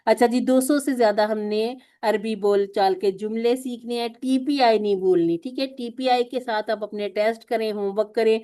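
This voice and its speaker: A woman's voice: a little high, fairly even intonation, few pauses, warm tone. A woman teaching a recorded course lesson, patiently explaining and asking and answering her own questions.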